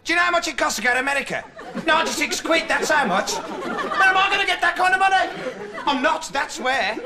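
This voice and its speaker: A young man playing a dim, rambling self-styled investigative reporter who keeps losing his thread, with ums and rights, in a deadpan comic monologue. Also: extremely high pitch, brisk, music in the background, a crowd in the background. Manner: meandering, hesitant, full of ums and rights. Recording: loud studio audience laughter, noisy old TV tape. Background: audience laughing.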